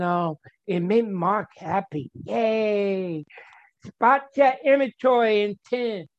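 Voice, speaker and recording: A man's voice: high voice, highs cut off. A man sharing at a twelve-step recovery meeting, stuttering and repeating words in simple, earnest phrasing.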